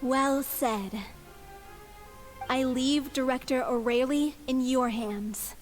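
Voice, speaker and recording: A woman playing a gentle, ailing young stage actress in a game, soft-spoken, polite, earnest and apologetic. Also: high voice, slow pace, soft background music.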